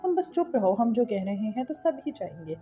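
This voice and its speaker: A woman with a Pakistani Urdu accent voicing a stubborn, loud, bossy middle-aged father in a cartoon story. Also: a little high, big pitch swings, moderate pace, dull audio, soft background music. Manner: blustering, scolding.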